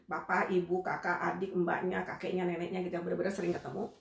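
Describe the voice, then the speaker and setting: A female behavior analyst gives parents a casual live lesson, speaking fast in a lowish, flat, creaky voice. She's chatty and conversational, often tagging her phrases with "gitu ya," and the livestream audio echoes around the room.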